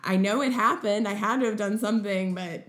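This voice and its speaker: A woman's voice: mid-range voice, brisk, noisy background. A young woman chatting casually in an upbeat, easygoing way, with lots of "like" and "you know" fillers. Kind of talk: casual chat. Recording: echoey room.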